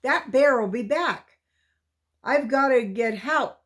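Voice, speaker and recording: A woman's voice: sits high, lively intonation, slow. A woman voicing a determined young mountain boy in a storybook reading, urgent and commanding.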